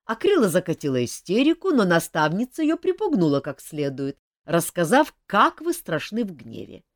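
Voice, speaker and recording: Wry expressive audiobook narrator, woman, lower voice, very animated pitch, dry close sound. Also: normal speed, dry recording.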